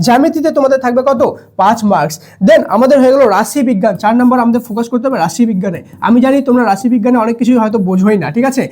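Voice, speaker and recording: A young man teaching students quick exam tricks as a math tutor. He keeps checking in with "okay?" and answers questions he voices for the students himself. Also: extremely high pitch, darkish tone. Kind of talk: fast exam-tips lesson to students.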